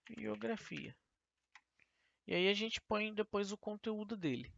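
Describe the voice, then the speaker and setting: Woman teacher, gravelly voice, talks a screen-recorded coding lesson through step by step on a dull lo-fi mic. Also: mid-range voice, animated, unhurried, dry recording. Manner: explains step by step, asking and answering her own questions.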